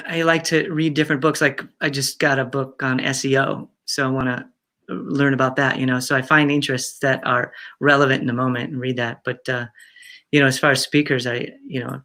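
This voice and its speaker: Gravelly, bright-voiced man in his fifties. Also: mid-range voice, level tone, a little fast. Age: 50s. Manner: chatty, laughs often, many fillers and restarts. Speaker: guest speaker. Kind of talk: casual interview chat.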